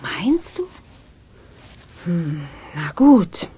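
A woman voicing a patient witch mother in a children's radio play, husky and unhurried. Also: a little high, big pitch swings, a little mellow, heavily acted. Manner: patient and motherly, singsong spells.

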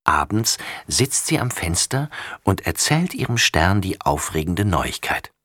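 A man reading a children's story aloud with lively, expressive narration. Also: low-pitched, unhurried, no room sound.

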